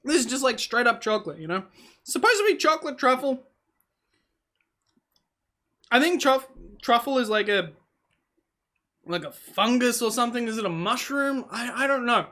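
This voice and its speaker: Speaking at normal speed with frequent pauses, this Hungarian-native vlogger eats on camera and wanders from thought to thought, full of fillers and self-corrections. The medium-pitched voice swings widely in pitch and has a bright, forceful tone.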